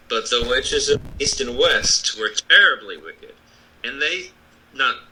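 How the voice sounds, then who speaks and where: A man plays an old humbug wizard from a storybook. The voice is very bright and forceful, swinging freely up and down in pitch. He is kindly and apologetic, explaining himself in earnest. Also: slightly rough, full character voice, low-quality recording. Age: older. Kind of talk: storybook reading.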